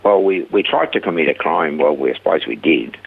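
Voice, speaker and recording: An older man from Switzerland telling his life story in an interview, halting and restarting sentences. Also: rumbling low, lively intonation, vocal fry, breathy edge, phone-quality sound. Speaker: interview guest.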